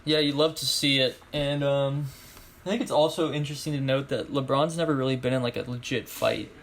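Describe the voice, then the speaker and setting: A man's voice: mid-range voice, fairly quick. Young man chatting with many fillers. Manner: relaxed, hesitant, many fillers and likes. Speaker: podcast co-host. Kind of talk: casual chat.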